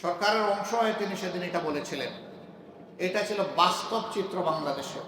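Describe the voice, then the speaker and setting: A man's voice: sits high, moderate pace. A man delivering an impassioned public speech to a gathering, in a declamatory, emphatic style. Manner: declamatory oratory, rising to loud emphasis. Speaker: speaker addressing a rally. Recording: echoey, from far off the mic, faint noise.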